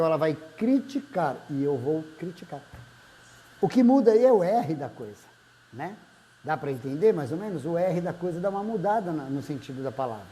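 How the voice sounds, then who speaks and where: A man's voice: sits high, dark tone, poor audio. A man, a therapist giving a conversational talk and checking in with listeners by name. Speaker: therapist and speaker. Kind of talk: live-streamed talk greeting viewers.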